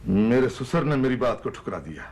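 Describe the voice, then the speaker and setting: A man's voice: medium pitch, big pitch swings, fairly quick, darkish tone. An actor playing a domineering rural landlord and harsh father who speaks sternly, with a Pakistani Urdu accent. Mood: bitter. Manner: stern, commanding.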